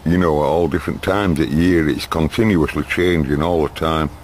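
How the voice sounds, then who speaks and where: This home video maker rambles chattily to the camera in a sunny garden, laughing between remarks, captured by an old camcorder's built-in microphone. His voice is extremely low and a little mellow, with fairly even intonation and a moderate pace. Slight background noise can be heard.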